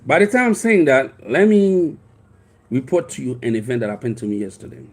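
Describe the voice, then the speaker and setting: Speaking a little fast with a sing-song, medium-pitched voice, a Haitian-accented man in his fifties shares a personal story. He's a life coach from Haiti whose first language is Haitian Creole, and his telling is rambling and earnest, with frequent restarts.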